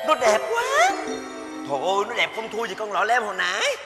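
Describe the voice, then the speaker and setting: A man's voice: wildly swooping pitch, a little fast, full character voice. A man playing a spiteful, vain, wicked older woman, scolding in a live stage comedy. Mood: mocking. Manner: shrill, bossy, theatrical scolding. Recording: stage hall reverb with music.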